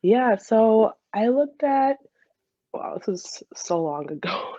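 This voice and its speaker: In a slightly high, animated voice with a dark tone, a young American former college soccer player from Michigan takes interview questions slowly and casually, laughing a lot. The sound is lo-fi and free of room sound.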